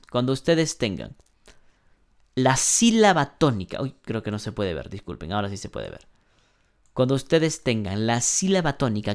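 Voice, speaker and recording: A man teaching an online English grammar lesson, going through the rules step by step and repeating example words aloud. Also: mid-range voice.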